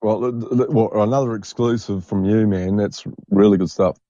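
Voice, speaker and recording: On a dull, dry lo-fi recording with no room sound, a podcast host chats casually, full of enthusiasm and repeating things for emphasis. He has a lowish, mellow voice, fairly even intonation, and a normal speaking speed.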